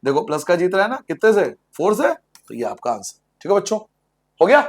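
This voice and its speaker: A man's voice: high voice, sing-song, a little fast, slight background noise. A man teaching a school maths lesson to students, asking questions and answering them himself, repeating each step in a sing-song way and joking with the class. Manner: playful, jokes with the class.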